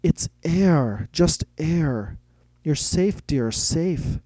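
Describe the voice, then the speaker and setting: A man doing a calm, possessive collector. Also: a little high, extremely slow, breathy edge, dry recording, exaggerated voice. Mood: soothing. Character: calm, possessive male collector, middle-aged.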